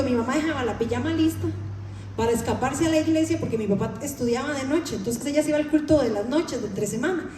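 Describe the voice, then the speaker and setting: A woman's voice: high-pitched, warm tone, a little hiss or hum. A woman preacher, telling stories in a sermon and acting out the voices of the people in them. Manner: storytelling with acted-out voices. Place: church. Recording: echoey church hall.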